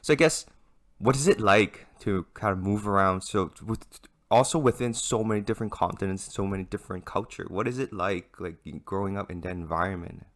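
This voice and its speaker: Guy hosting a podcast, low voice but really bright and forceful, asks loose rambling questions. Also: a little fast. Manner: loose, searching questions with restarts. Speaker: podcast host. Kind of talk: casual interview.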